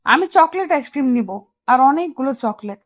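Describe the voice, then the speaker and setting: A woman's voice: sits high, animated, normal speed, dry recording. A woman voicing a bossy, clingy young wife in a romantic audio drama, teasing and demanding.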